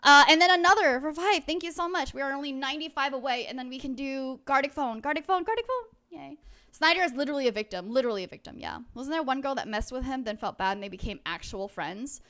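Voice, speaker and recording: A woman's voice: high voice, quick pace, bright, forceful tone. A woman livestreamer chatting casually with her viewers in a cutesy, playful manner. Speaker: livestreamer, VTuber.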